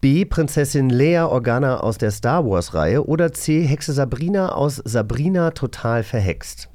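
Lively intonation marks this man's mid-range, slightly mellow voice, and he takes his time speaking. He is the quizmaster hosting a casual radio play podcast, rambling chattily through explanations and questions.

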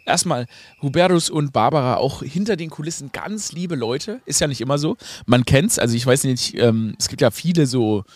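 A male podcast host riffs in a loose, ironic monologue, stumbling over fillers and circling back on himself. His voice sits at an ordinary middle pitch and sounds close and dry, with almost no room around it. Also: animated, moderate pace, dry recording. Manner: ironic, rambling, with many fillers and asides. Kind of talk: casual comedic monologue.

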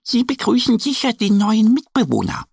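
A man voicing a gentle, cheerful little female duck in a children's storybook, with a high, soft, childlike voice. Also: very animated, normal speed, vocal fry, breathy edge, no echo, studio quality, full character voice. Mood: curious.

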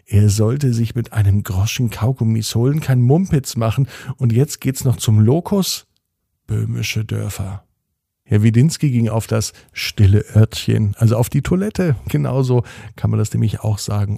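A man hosting and narrating a bedtime story in a soothing, expressive way. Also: medium pitch, gravelly, slightly rough, dry recording, clean studio sound.

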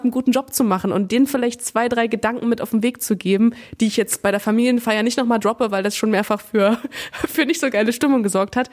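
A woman in her thirties, a radio and TV presenter, chatting frankly and casually as a podcast guest, with many fillers and slang words. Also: fairly high pitch. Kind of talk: casual interview chat.

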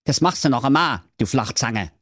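A man's voice: mid-range voice, expressive, moderate pace, a bit bright, dry recording, studio quality, voice pushed up. A man voicing an irritable, blustering old fairy-tale brother who scolds in cranky outbursts. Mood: scolding.

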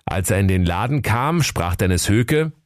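A man's voice: on the low side, normal speed, no echo, studio quality. Man narrating a comic fairy tale. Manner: playful, lively storytelling voice. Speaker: storyteller.

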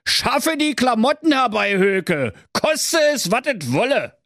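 A man voicing a rich, stingy, boastful man who talks loudly and rudely in a Berlin accent. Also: very high-pitched, sing-song, slow, no room sound, clean studio sound, voice pushed up, heavily acted. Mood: blustering. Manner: loud, rude, blustering.

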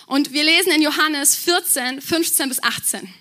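A young woman preaches to a youth group. Her voice sits high and sounds bright and forward. She talks in a relaxed, chatty way and drops in youth slang. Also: moderate pace. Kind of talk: sermon.

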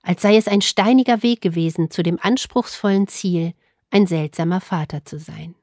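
A young adult woman reading her own short story aloud in a calm, measured, wry manner. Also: lowish voice, no echo, studio quality.

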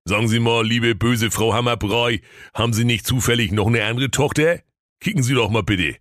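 A smug, bumbling young prince chats up his bride in a lively, rather low voice, full of clumsy charm, as a man puts him on. The sound is close and dry, like a storybook reading. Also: normal speed, dry recording. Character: vain young cheese-loving suitor, a bumbling prince.

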